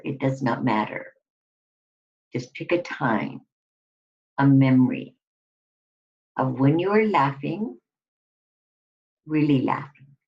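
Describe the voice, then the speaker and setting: A rumbling low female voice walks listeners through a scripted relaxation exercise, instructing in short deliberate phrases with pauses. The recording sounds dull and lo-fi.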